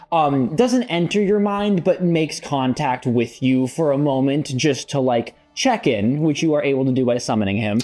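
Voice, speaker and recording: A man's voice: on the high side, a little mellow. A man running a tabletop game as game master, improvising narration and playful banter. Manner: playful, jokey.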